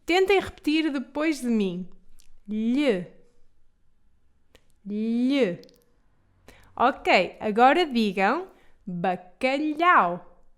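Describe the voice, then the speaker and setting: A woman with a European Portuguese accent teaching pronunciation, saying model words slowly and carefully for students to repeat. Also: sits high, big pitch swings, fairly bright tone. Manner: slow, carefully enunciated model words for repetition. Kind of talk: pronunciation lesson.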